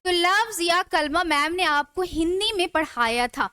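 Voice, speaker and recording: A woman's voice: extremely high pitch, lively intonation, a little slow, bright, forceful tone, no room sound, clean studio sound. A young woman teaching an online grammar class, chatty and asking her students rhetorical questions as she goes. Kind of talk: live online class lecture.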